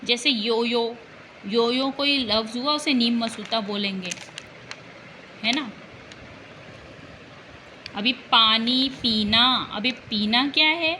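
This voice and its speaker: Slow, bright-voiced woman teacher. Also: a little high, slight background noise, poor audio. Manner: patient, repeats example words, checks in with "hai na". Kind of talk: exam-prep language lesson.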